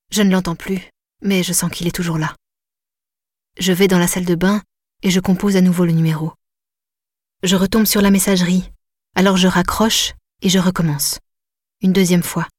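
A woman narrating a novel in the first person, quiet and intimate, sometimes dropping to a whisper. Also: fairly low pitch, no room sound, studio quality. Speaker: audiobook narrator.

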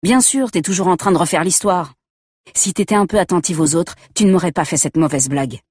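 A woman's voice: fairly low pitch, fairly quick, a little mellow, breathy edge, dry recording, clean studio sound. A woman voicing an angry, controlling young man who talks coldly and accusingly, in a first-person story reading. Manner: cold and accusing, shifting to coaxing.

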